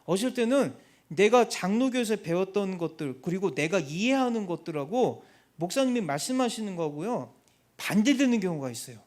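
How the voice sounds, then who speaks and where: High-voiced man telling a lively testimony. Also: normal speed. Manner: animated, acts out quoted people. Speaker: missionary giving a testimony. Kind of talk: church testimony storytelling.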